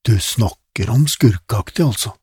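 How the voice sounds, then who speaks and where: A man's voice: lowish voice, animated, a little mellow, husky, no room sound, studio quality. A man doing a shrewd, observant young kid. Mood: reasoning. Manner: explaining, measured. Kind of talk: audiobook character voice.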